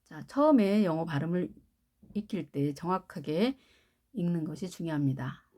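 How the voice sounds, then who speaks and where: This Korean-accented woman teaches English pronunciation the way a classroom lesson would, going step by step and saying each word again. She speaks at a moderate pace in a lowish, warm voice with lively intonation.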